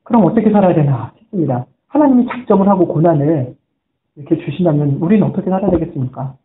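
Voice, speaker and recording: Korean pastor guy preaching, kinda high voice, tinny echoey church recording. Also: animated, fast. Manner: earnest storytelling, quoting voices. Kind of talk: sermon. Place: church sanctuary. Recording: echoey room on a tinny phone-like line.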